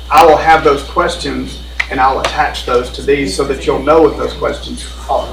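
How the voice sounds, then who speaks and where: A man with a gravelly, mid-range voice explains insurance options to a board meeting in a folksy, repetitive style as the benefits presenter. Background noise is audible, and the distant mic picks up the room's echo.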